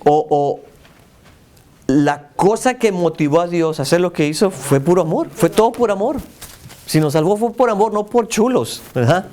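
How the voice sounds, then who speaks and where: A man's voice: high-pitched, lively intonation, normal speed, a little mellow. Emphatic man teaching a church class. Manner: asks the group questions and stresses words for emphasis.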